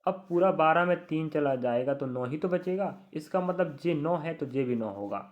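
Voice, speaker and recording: A young adult man gives an online reasoning lesson in a fairly high voice, speaking straight to his students. He repeats key words and keeps reassuring them. The recording is muffled and lo-fi. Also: lively intonation, moderate pace. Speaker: exam coaching teacher.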